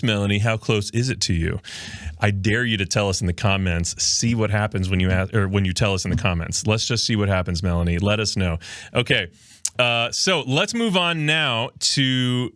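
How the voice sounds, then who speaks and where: A Miami podcast host who grew up speaking Spanish runs a casual livestream chat, joking loosely and reading viewer comments aloud while running low on sleep. His voice is on the low side and a bit bright, recorded cleanly on a studio mic with no echo.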